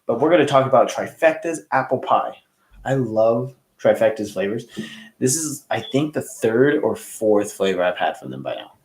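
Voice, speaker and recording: A man's voice: mid-range voice, very animated, moderate pace, echoey room. A man hosting a casual hookah review livestream, chatting loosely and greeting viewers by name. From California.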